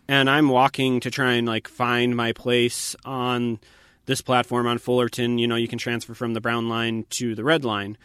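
A man chats through a personal story in an easy, unhurried way. His voice is bright and forward, sitting in the middle of the range. The sound is dry and close, with no room around it. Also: medium pitch, clear, resonant tone, dry recording. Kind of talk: casual conversation, storytelling.

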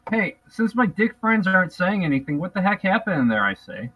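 A man's voice: high-pitched, sing-song, fairly quick, slightly rough. A man playing a tabletop game in character, joking and wry. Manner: wry, joking, laughs often. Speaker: player. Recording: distant muffled mic.

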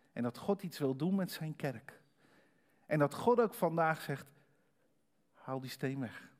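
A man preaching a sermon, building from calm reflection to rising, emphatic preaching. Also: on the high side. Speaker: pastor.

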